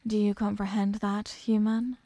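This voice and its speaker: An ominous, condescending ancient goddess of eldritch horror is voiced by a woman in a slow ASMR roleplay monologue, menacing and commanding as she speaks down to lesser beings with deliberate hunger. Her natural, mid-range voice is mellow, gravelly and flat in delivery, recorded intimately and very dry, with no echo.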